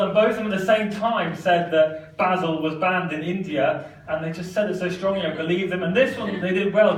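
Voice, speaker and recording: Man doing stand-up, echoey and distant. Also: sits high. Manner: chatty, self-deprecating, laughing often. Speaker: stand-up magician. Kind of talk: stand-up comedy with magic tricks. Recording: echoey room, mic from far off, noisy.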